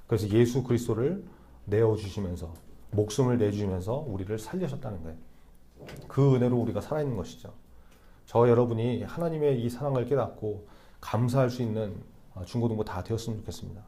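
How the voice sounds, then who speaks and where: A young youth pastor preaches a sermon to a youth group in a conversational way, often checking in with listeners through rhetorical questions. His voice is on the low side, brisk, and dark in tone.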